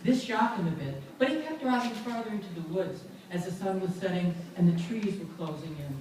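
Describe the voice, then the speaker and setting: A woman's voice: lowish voice, animated, fairly quick, darkish tone, a little hiss or hum. Woman reading aloud in an echoey gallery. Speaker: reader at a book launch. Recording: echoey room, far from mic.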